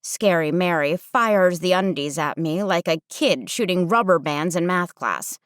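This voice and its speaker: A woman narrating a first-person audiobook with wry, expressive storytelling. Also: lowish voice, a little slow, clear, resonant tone, dry recording, studio quality.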